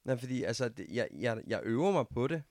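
A man's voice: medium pitch, sing-song, a little mellow, no room sound, studio quality. A man hosting a podcast interview, speaking hesitantly and searching for his words with many fillers. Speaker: podcast host. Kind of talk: conversational interview.

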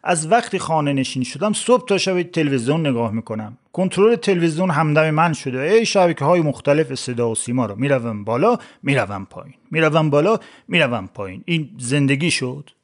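A man voicing a despairing, self-pitying fat man who talks in a weary, pleading, low-key way. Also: animated, hardly any pauses.

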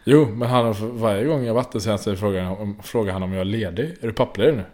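A man's voice: fairly low pitch, a little mellow. A man in his thirties, chatting casually, who often restarts his sentences and acts out what others said. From Sweden. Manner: halting, full of restarts, acts out quotes. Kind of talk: casual chat.

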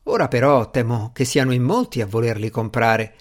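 A fretful, fussy magician, read by a man in an audiobook, possessive and anxious. He pleads and worries in a mid-pitched, everyday voice, with only a light change from plain narration. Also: normal speed, natural voice. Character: fussy anxious middle-aged male magician. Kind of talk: audiobook character reading.

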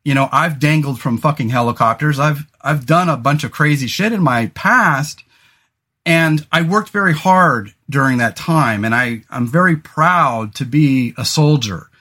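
His voice a little high for a man and sharp in tone, a podcast host in his forties chats unhurriedly and casually. He rambles, restarts his sentences, fills gaps with "um" and "you know," and drops the occasional curse.

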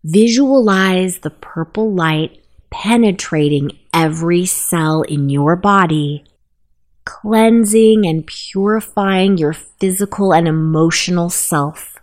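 Lady talking you thru a meditation, real slow and soft-spoken, kinda low voice. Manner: gentle, unhurried spoken instructions. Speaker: meditation guide. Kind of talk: guided meditation narration.

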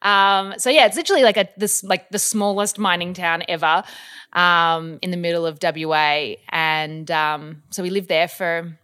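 A woman's voice: on the low side, fairly even intonation, moderate pace, bright, forceful tone, clear, resonant tone. A young Australian woman chatting casually as an interview guest, with lots of ums and likes. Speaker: guest, model and influencer.

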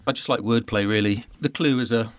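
A middle-aged man with a British accent, a guest answering interview questions in a measured, thoughtful way. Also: fairly low pitch. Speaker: guest, puzzles editor.

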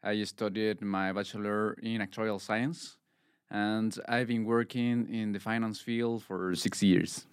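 Man, from Mexico, young adult, smooth resonant low voice, measured explaining. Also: level tone, dry recording, clean studio sound. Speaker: student guest. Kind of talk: casual interview answers.

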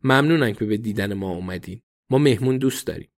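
A man voicing a brisk commanding old woman. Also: fairly low pitch, natural voice.

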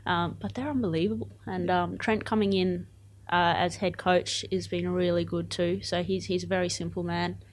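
A cricket player in her twenties, born in Zimbabwe and moved to Australia at eight, chats casually and enthusiastically in an interview. She has an Australian accent. Her voice is on the low side with little pitch movement, at a moderate pace.

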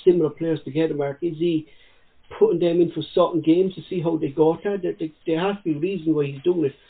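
A man's voice: on the high side, steady tone, fast, vocal fry, husky. A man co-hosting a podcast in casual, sweary football chat, often addressing his co-host by name. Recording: thin phone-like call audio.

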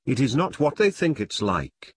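Ein Mann, der in einer gelesenen Versgeschichte einen grüblerischen, müden Sensenmann spricht und feierlich in Reimen deklamiert. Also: male voice, medium pitch, very animated, moderate pace, breathy edge, no room sound, voice pushed up. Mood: solemn. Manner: solemn, declaiming in rhyme. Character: brooding weary male Grim Reaper. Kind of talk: amateur dramatic poetry reading.

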